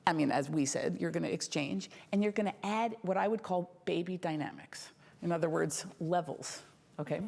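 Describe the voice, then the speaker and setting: Woman, middle-aged, violin teacher, masterclass coaching, lively, sings out rhythms, low gravelly voice. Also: moderate pace. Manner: lively and demonstrative, sings rhythms, laughs often. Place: concert hall stage at a music competition. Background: violin and piano playing faintly.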